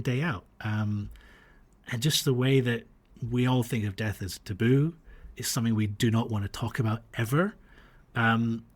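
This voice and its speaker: A medium-pitched man, born in Australia and raised across the US and Dubai, tells anecdotes as a podcast guest. He speaks in a reflective, hesitant, conversational manner.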